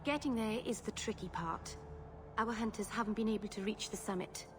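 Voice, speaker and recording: A woman's voice: medium pitch, fairly quick, music in the background, natural voice. An actress playing a shy, earnest young elf woman, a mage who speaks hesitantly and apologetically in video game dialogue. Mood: solemn, earnest.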